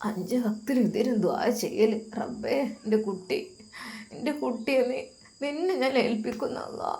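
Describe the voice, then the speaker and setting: A woman voicing a frail, tearful, pious elderly grandmother in a soft, half-whispered way. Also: mid-range voice, animated, normal speed, natural voice.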